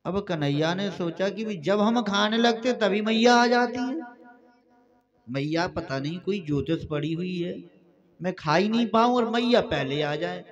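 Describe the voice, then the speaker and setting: High-voiced Bundeli katha preacher. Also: male voice, lively intonation, measured pace, dull audio. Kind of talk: devotional storytelling.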